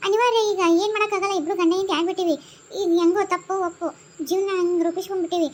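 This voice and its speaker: Woman, North Karnataka accent, very high and fast, chatty cartoon dialogue. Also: fairly even intonation, a little mellow. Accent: North Karnataka Kannada. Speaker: cartoon narrator and voice artist. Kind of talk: cartoon voice acting.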